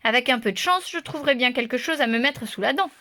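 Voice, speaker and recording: A storybook wolf, young, male and always hungry, grumbling in a gruff way that never hides how softhearted he is, as a woman reads him. The voice sits high and sounds bright and forceful. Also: expressive, fast.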